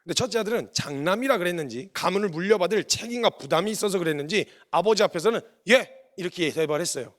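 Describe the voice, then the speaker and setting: High-voiced man preaching with acted stories. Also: lively intonation, fast talker, few pauses. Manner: storytelling, acting out the dialogue; earnest and confessional. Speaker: missionary preacher. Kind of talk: sermon.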